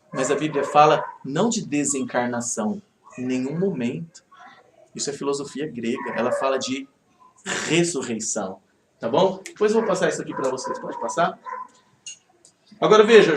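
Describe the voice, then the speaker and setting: High-voiced pastor in an echoey hall. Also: male voice. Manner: conversational, animated, rhetorical check-ins. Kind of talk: Bible study teaching to a live group. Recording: echoey room, faint background noise.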